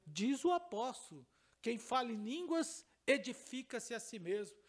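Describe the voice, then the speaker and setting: A Brazilian pastor with an unusually high voice for a man preaches at a church teaching service. He tells a personal story, repeats phrases for emphasis and moves between hushed and loud, emphatic passages. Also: sing-song, measured pace. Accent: Brazilian Portuguese.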